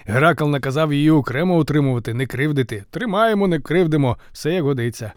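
A man reading an audiobook, voicing a loud, excitable young messenger who bellows in a hoarse, overjoyed chatter. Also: on the high side, fast talker, no room sound, clean studio sound, natural voice. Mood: excited shouting. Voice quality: hoarse shouting. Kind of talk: audiobook character voice.

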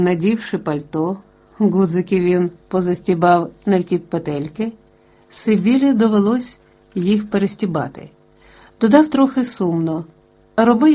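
Female audiobook narrator with a warm, dark voice and a steady, unhurried read. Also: mid-range voice. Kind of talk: scripted narration of a novel.

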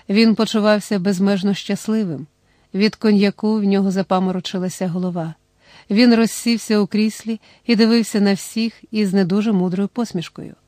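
A woman narrating a novel as an audiobook in a steady storytelling manner. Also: mid-range voice, dry recording.

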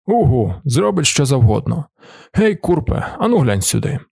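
A man's voice: a little high, very animated, moderate pace, creaky, warm tone, husky, no echo, clean studio sound, exaggerated voice. A man voicing a boastful, crude male drifter who orders his servant around with mocking bravado, in an audiobook. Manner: brash, mocking and commanding.

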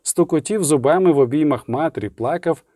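A man's voice: fairly high pitch, animated, a little fast, mellow, no room sound. Man reading a dry, close audiobook. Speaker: narrator. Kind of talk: audiobook narration.

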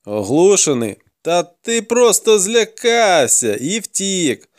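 A man voicing a hardened, grim male warrior who questions a captive in a gruff, mocking way. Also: on the high side, expressive, unhurried, darkish tone, dry recording.

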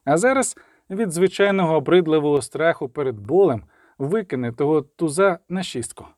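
A man reading an audiobook in a steady, even storytelling manner. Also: fairly high pitch, moderate pace, no room sound, clean studio sound. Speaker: audiobook narrator. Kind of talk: scripted audiobook narration.

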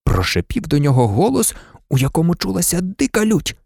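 A man narrating a children's story in an expressive, lively storytelling manner. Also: on the high side, fairly quick, vocal fry, no echo, studio quality.

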